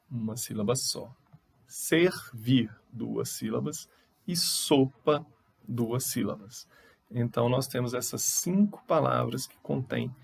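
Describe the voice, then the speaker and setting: A man's voice: medium pitch, gravelly, slightly rough. A Brazilian man teaching a recorded online lesson, explaining step by step and correcting himself as he goes. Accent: Brazilian Portuguese.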